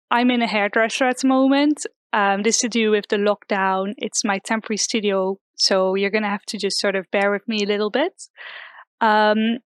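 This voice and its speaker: A woman's voice: mid-range voice, dry recording. A young woman from the Netherlands, an art teacher, explaining drawing basics step by step with some fillers, recorded in a hairdresser's salon used as a temporary studio. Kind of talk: drawing lesson demonstration.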